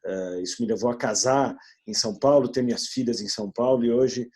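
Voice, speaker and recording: A man in his forties from Rio Grande do Sul, speaking as a business partner in a video meeting, with halting speech and many fillers. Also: mid-range voice, dark tone, breathy edge. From Rio Grande do Sul, Brazil.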